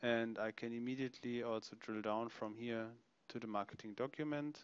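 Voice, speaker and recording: A man narrating a software product demonstration, explaining features step by step as he clicks through them. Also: medium pitch, steady tone, fairly quick, smooth, dry recording, lo-fi sound. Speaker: software demo presenter.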